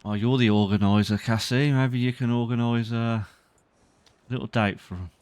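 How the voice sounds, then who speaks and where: A man chatting in character during an online role-play game, polite and halting, with many fillers, speaking into a computer mic. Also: mid-range voice, steady tone, darkish tone, clear, resonant tone, no room sound. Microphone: desk or headset mic at a computer.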